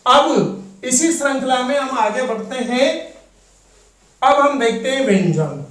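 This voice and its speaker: A man teaching a classroom grammar lesson, dictating slowly with long drawn-out pauses as he writes on a board. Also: very high voice, animated, fairly bright tone, far from the mic. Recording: echoey room, voice off-mic.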